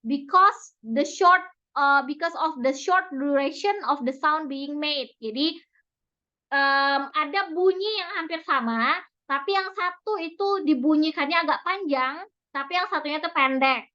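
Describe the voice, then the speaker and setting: A woman with an Indonesian accent giving a pronunciation lecture, explaining slowly and repeating each example word, in a dull lo-fi recording. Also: high voice, sharp tone. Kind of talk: recorded online lecture mixing Indonesian and English.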